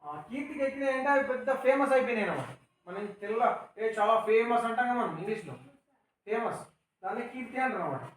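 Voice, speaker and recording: Echoey Telangana teacher, far from mic. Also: male voice, very high-pitched, animated, quick pace. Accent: Telangana Telugu. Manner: patient, explains words and asks questions. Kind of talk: classroom lesson with call-and-response. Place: school classroom.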